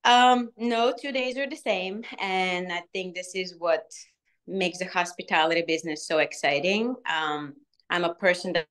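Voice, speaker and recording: Brief: guest alumna, forties, Bulgarian accent, low-ish voice, halting earnest delivery. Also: female voice, a bit bright. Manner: earnest, many "um" pauses. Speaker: alumna guest, restaurant manager. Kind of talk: interview answers.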